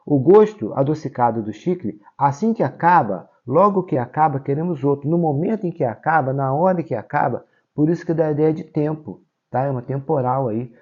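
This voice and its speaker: A man's voice: fairly high pitch, fairly quick, hardly any pauses, a little mellow, breathy edge, dull audio. A Brazilian man teaching Portuguese grammar for exams, explaining step by step and checking in often with his students. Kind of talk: exam-prep grammar lesson.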